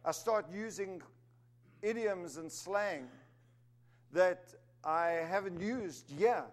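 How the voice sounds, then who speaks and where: This high-pitched, slow-speaking man is preaching with emphasis, lifting his voice on key words and adding touches of humor. He comes from Zimbabwe but grew up in South Africa.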